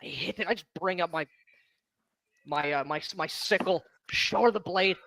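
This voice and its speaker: Casting: male game player, casual improvised narration, bright tone, dry sound. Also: high voice, normal speed, no echo.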